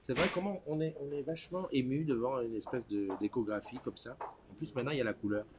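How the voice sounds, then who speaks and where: A man's voice: medium pitch, fast talker, background noise. Informal, teasing man hosting live. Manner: informal, teasing, repeats himself. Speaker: live morning show host. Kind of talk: casual live chat.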